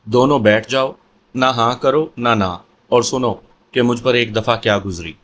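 A man's voice: mid-range voice, fairly bright tone, a little hiss or hum, lightly acted. A man voicing a jovial, teasing middle-aged male doctor in an audio story, with an amused, easygoing manner.

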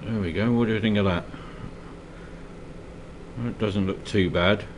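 A man with a fairly low pitch and an unhurried delivery explains miniature painting at his hobby desk. He's from Scotland, has a slight cold, and keeps things casual. Slight background noise is audible, and he sounds relaxed and hesitant, with frequent ums and uhs.

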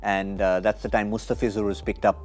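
A man's voice: lowish voice, steady tone, fairly quick, darkish tone, faint music behind. A man in his forties hosting a cricket studio panel, telling anecdotes and steering the talk. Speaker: host. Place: TV studio, indoors. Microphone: lapel mic.

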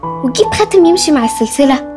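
An actress with an Egyptian accent playing a sharp-tongued, cheeky young woman in a TV drama. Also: sits high, expressive, quick pace, music in the background. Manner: whiny, cheeky teasing. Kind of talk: TV drama acting.

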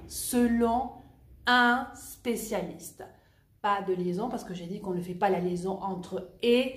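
Slow, careful woman teaching in an echoey room. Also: medium pitch, a little mellow. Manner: slow, repeats each example deliberately. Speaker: French teacher. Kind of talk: bilingual language lesson.

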